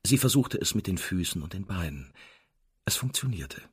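A man narrating a novel in an expressive storytelling manner. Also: low voice, moderate pace, husky, no room sound, clean studio sound. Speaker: audiobook narrator. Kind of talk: scripted narration.

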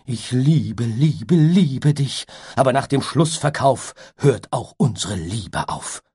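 A man voicing a flighty male butterfly minstrel in a storybook reading, high, playful and sing-song. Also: big pitch swings, slow pace, slightly rough, heavily acted.

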